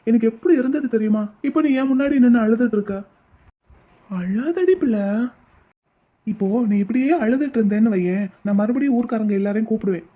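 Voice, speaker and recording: A woman voicing a gentle, devoted young man who coaxes and comforts his wife in an amateur audio drama. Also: a little high, a little fast, lightly acted. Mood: soothing. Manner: soothing, coaxing.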